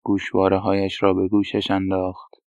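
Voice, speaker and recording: A man narrating a story in a quiet, even storytelling voice. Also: deep voice, dry recording. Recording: dull, dry lo-fi recording.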